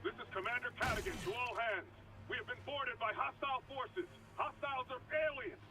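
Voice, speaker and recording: An actor playing a stern military commander in a sci-fi horror game, giving an urgent, clipped shipwide announcement. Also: male voice, very high-pitched, a little fast, background noise. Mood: urgent, commanding. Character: stern male military commander broadcasting an alien alarm.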